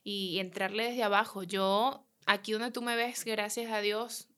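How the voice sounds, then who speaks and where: A Venezuelan woman with a Venezuelan accent, a guest in a casual interview, telling an animated story and acting out the dialogue. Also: medium pitch, a little slow.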